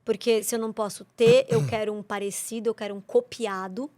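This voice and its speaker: A woman, a guest explaining the children's market in a persuasive, animated way. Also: medium pitch, a little fast, dry recording. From Brazil. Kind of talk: interview conversation.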